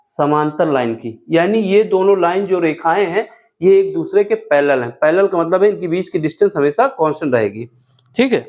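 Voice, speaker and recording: A man's voice: a little high, animated, fairly quick, darkish tone. A man teaching a board-exam math lesson step by step, asking questions and answering them himself. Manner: asks rhetorical questions and answers them, self-correcting aloud.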